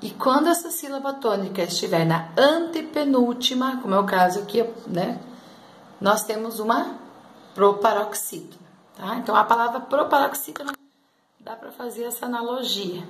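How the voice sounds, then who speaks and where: A woman's voice: on the high side, slight background noise. A woman teacher giving a grammar lesson, explaining step by step and often checking in with her students. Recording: echoey room.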